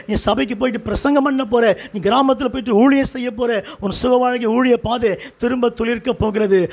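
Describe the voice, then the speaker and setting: A man's voice: extremely high pitch, vocal fry. A man preaching a fervent sermon in short repeated phrases as pastor, with a Tamil accent.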